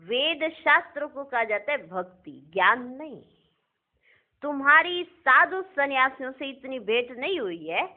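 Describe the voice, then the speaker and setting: A woman's voice: sits high, expressive, a little slow. A woman giving a devotional sermon, asking her listeners rhetorical questions and repeating key phrases. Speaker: spiritual discourse reader. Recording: narrow phone-like audio.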